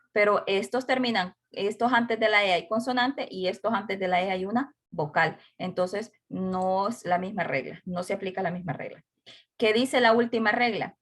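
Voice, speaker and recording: An English teacher, a patient woman, takes her class through a grammar rule at a slow pace and ordinary pitch, saying each word twice and spelling out the letters one at a time.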